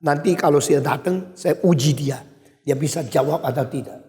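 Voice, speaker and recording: Older indonesian pastor preaching, kinda high voice, big echoey church hall. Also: male voice, moderate pace. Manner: emphatic, wide swings in loudness, switches briefly to English. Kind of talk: sermon.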